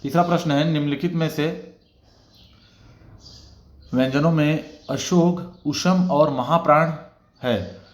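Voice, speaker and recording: A man with a slightly high voice speaks slowly, pausing often, in an echoey room. He's an exam-prep tutor working through test questions one at a time and checking in with viewers as he explains. His style is explanatory, and he keeps using "theek hai" as a filler.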